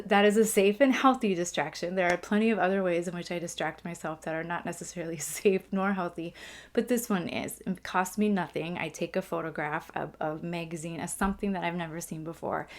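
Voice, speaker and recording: A woman leading a calm grounding exercise in a casual, conversational instructional way, gently thinking aloud. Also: fairly low pitch, fairly quick. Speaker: instructor demonstrating a grounding technique.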